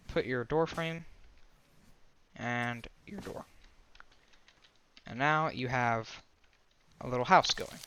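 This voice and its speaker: A man's voice: medium pitch, bright, forceful tone, clean tone. A man giving a casual voice-over game tutorial, rambling and often restarting or correcting himself. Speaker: gaming tutorial creator.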